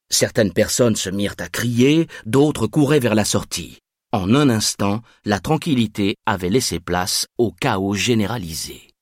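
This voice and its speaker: Low husky guy narrating a thriller audiobook, dry close sound, voice goes up and down a lot. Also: no echo.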